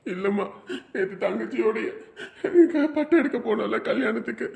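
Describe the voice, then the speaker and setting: A woman's voice: on the high side, normal speed, vocal fry, darkish tone. A woman voicing a distressed young son who has lost his job, speaking in a tearful, pleading way. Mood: explaining.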